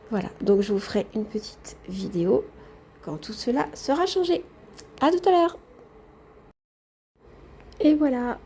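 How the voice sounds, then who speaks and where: A woman's voice: a little high, mellow, slight background noise. A woman vlogging casually from a hospital room, chatting directly to her viewers on a handheld phone. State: tired after anesthesia. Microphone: phone held in hand.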